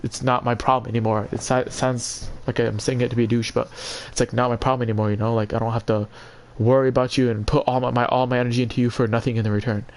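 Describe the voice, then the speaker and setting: A man venting casually on a livestream in an emotionally drained, halting, repetitive and profane way. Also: mid-range voice, level tone. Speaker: live streamer.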